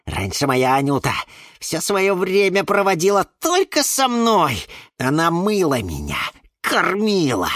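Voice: mid-range voice, huge pitch swings, measured pace, a bit bright, no room sound, studio quality, pitched above the performer's own voice. A reader voicing a jealous, spiteful female houseplant in a children's audiobook, snide and mocking. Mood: resentful. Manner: snide, mocking, shifting between shrieks and hisses.

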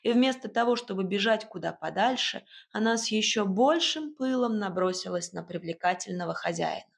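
A woman reading a first-person story aloud with lively, expressive narration. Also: mid-range voice, normal speed, creaky. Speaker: audiobook narrator.

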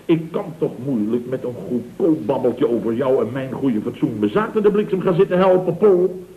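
In a 1960s radio comedy, an actor with a Netherlands Dutch accent plays a wheedling, scheming contractor boss who acts mock-innocent, stammering out repeated phrases as he insinuates with blustering pressure. His mid-range, fairly everyday voice has lively intonation and normal speed, heard through a muffled, roomy old radio recording with a little hiss or hum.

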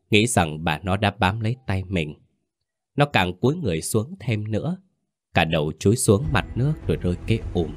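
A man narrating a horror story in a calm, measured storytelling manner. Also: low-pitched.

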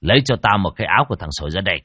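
A man voicing a gruff, bossy old village shaman who barks orders in a blustery way. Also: low-pitched, lively intonation, rapid-fire, bright, forceful tone, no room sound, clean studio sound, exaggerated voice.

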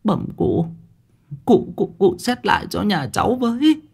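A man's voice: high-pitched, sing-song, measured pace, vocal fry, darkish tone, husky, pitched above the performer's own voice, full character voice. A man voicing a frail, beaten old village woman who pleads and quavers in a storytelling reading. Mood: pleading. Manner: begging, quavering.

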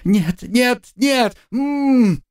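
A man voicing a terrified young female student who begs and sobs in high, panicked cries. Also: expressive, drawn-out words, a little mellow, clean tone, full character voice. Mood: panicked pleading. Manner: hysterical, pleading, high-pitched cries. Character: terrified young woman student, sobbing and pleading.

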